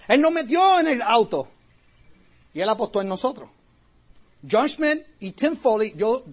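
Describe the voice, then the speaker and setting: Puerto rican guy, really high voice, animated storytelling to an audience, kinda lo-fi sound. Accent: Puerto Rican Spanish. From Puerto Rico. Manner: animated, acts out quoted voices. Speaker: motivational speaker. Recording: dull lo-fi recording.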